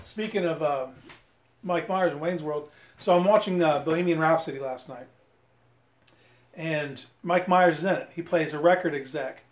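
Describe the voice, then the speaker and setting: A man with a somewhat high voice, eager and profane, who keeps throwing in "dude" and "man". His voice rings in an echoey room as he chats with a friend. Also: normal speed. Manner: enthusiastic, profane, says "dude" and "man" a lot. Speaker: podcast co-host. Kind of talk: casual chat.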